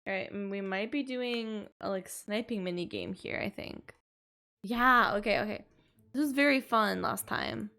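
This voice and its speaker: A woman streams a video game and chats casually to her viewers in a mid-range, gravelly voice that's bright and forceful at normal speed. Her live gameplay commentary is full of exclamations and playful little sound effects.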